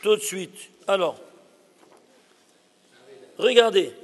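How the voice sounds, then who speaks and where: Rabbi teaching a class: very high, husky voice, emphatic, keeps quizzing the room. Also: male voice, slow pace, in a large hall. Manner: emphatic, fires rhetorical questions at listeners. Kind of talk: recorded Torah lesson.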